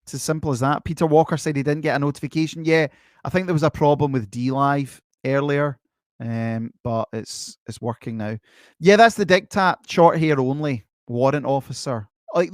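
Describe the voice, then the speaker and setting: A man's voice: mid-range voice, a little mellow, no echo, studio quality. A man in his forties hosting a livestream with casual, opinionated chat that often repeats phrases. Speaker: livestream host.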